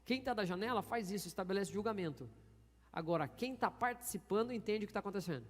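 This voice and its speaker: A man's voice: high-pitched, expressive, fast. A man pastor preaching a sermon, asking the congregation questions in call-and-response style. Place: church hall. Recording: long hall reverb.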